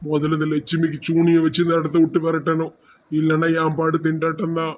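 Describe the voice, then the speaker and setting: A man's voice: a little high, completely flat delivery, brisk, lo-fi sound, natural voice. A man voicing a scheming, grumbling village rival with a Tirunelveli accent. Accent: Tirunelveli Tamil. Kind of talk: cartoon voice acting.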